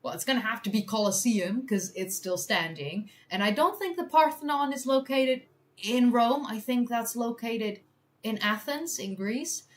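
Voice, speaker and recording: A woman's voice: on the high side, moderate pace. A woman from the Netherlands, a native Dutch speaker, chatting on a live stream while she works through a history quiz. She thinks aloud, laughs often and pokes fun at herself. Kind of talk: casual live-stream chat.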